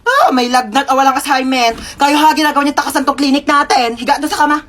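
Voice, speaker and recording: Woman, sassy comic skit voice, highish pitch, noisy home video. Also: expressive, fast. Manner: sassy, exaggerated, playing many roles. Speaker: comedy skit creator. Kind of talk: comedic skit role-play.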